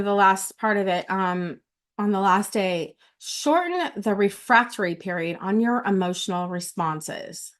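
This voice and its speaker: A middle-aged woman in a casual vlog sharing her notes from a retreat, heartfelt and close to tears, often restarting her phrases. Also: medium pitch. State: tearful.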